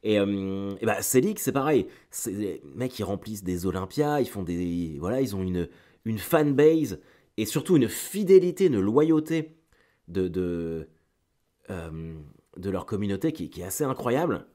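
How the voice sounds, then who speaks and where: This middle-aged comedian sounds a bit congested from a cold, but his fairly low voice is warm and animated at a measured pace. Hosting his weekly solo podcast, he rambles informally with slang and asides, hesitating, repeating words and searching for how to say things.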